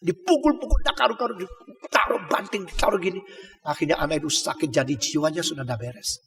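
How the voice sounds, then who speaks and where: A man preaching a sermon, using colloquial asides, rhetorical questions and sudden loud, high bursts. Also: a little fast, long reverb tail, soft background music. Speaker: pastor.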